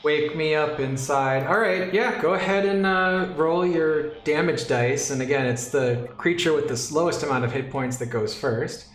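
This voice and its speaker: A man's voice: on the high side, moderate pace, few pauses, echoey room, soft background music. A man running a tabletop game as dungeon master on a stream, joking and self-deprecating as he talks into a desk mic.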